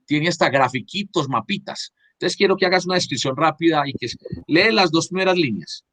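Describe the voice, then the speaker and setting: A man's voice: a little high, expressive, fairly quick, a bit bright, no echo. A man with a Colombian Spanish accent teaching a class over a video call. He explains step by step and keeps checking in with his students. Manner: explanatory, asks "¿cierto?" and "¿sí?" to check understanding. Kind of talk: online class lecture.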